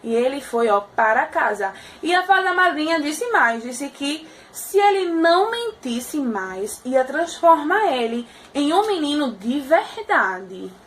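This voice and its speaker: A woman teacher telling a story to small children, animated and often checking in with her listeners. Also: sits high, slow pace, few pauses, slight background noise.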